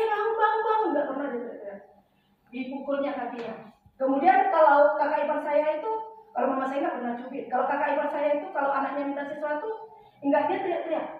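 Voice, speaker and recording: A woman's voice: sits high, muffled recording, a little hiss or hum. A woman preacher giving a chatty sermon, telling stories and asking the congregation questions. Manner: chatty, storytelling, asks the audience questions. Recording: echoey hall, mic far off.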